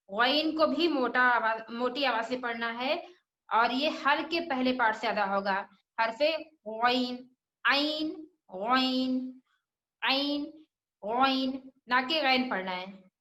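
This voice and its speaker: High-voiced woman teaching Quran pronunciation. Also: pushed and bright, roomy sound. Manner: patient, repeats sounds slowly and asks rhetorical questions. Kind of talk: religious lesson for children.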